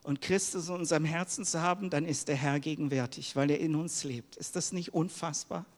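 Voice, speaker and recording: A man's voice: on the high side, fairly even intonation, brisk. A middle-aged man preaching a sermon in earnest, personal tones, asking the congregation questions in a church hall. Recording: long hall reverb.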